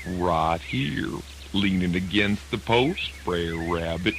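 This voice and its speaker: Slow, deep terrapin. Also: male voice, creaky, a bit bright, a little hiss or hum, heavily acted. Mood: sly, pleased. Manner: folksy, drawling. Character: sly, easygoing young male terrapin of folktale. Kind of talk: children's radio theatre dramatization.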